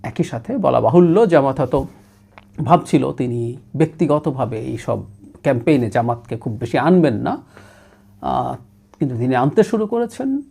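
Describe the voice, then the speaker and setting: Middle-aged male political commentator, analytical and animated. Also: mid-range voice, moderate pace, gravelly, long pauses, husky. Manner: analytical, mixes English words and phrases into Bengali.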